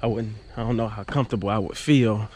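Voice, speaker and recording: A man's voice: on the low side, fast, a little mellow. A young man vlogging a giveaway, chatty and joking with a nervous edge, talking from inside a car at night. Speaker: YouTuber doing a giveaway. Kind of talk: casual vlog narration. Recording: noisy vlog audio with car noise.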